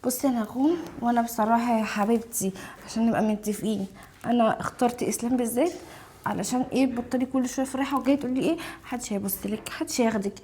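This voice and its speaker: A woman plays a scheming Egyptian best friend turned rival wife, gloating and mocking. Her high voice rattles along fast. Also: expressive, slight background noise. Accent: Egyptian Arabic. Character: scheming young woman, smug best friend who wed the husband.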